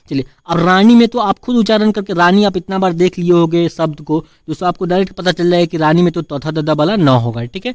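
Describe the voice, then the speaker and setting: High-pitched man teaching Hindi spelling. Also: no echo, studio quality. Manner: repetitive teaching, asks and answers his own questions; addresses viewers as friends, frequent "theek hai". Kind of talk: Hindi spelling lesson at a board.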